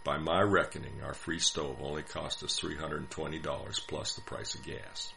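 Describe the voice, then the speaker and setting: A man's voice: very deep voice, fairly even intonation, moderate pace, gravelly, pushed and bright, slight background noise. A middle-aged man narrating a personal essay, wry and self-mocking with dry humor. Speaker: storyteller.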